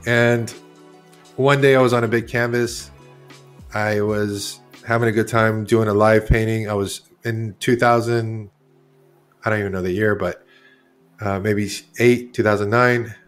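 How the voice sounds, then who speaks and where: A man in his forties, originally from Iran, speaks in a low voice as a guest artist. He rambles candidly and often corrects himself mid-thought. Faint music plays quietly behind him. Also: little pitch movement, a little slow. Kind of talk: casual interview talk.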